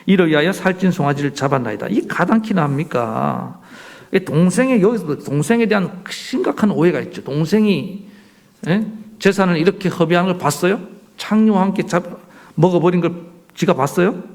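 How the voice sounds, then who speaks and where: A male pastor preaching a sermon in a church, animated, asking the congregation rhetorical questions. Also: high voice, normal speed. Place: church sanctuary.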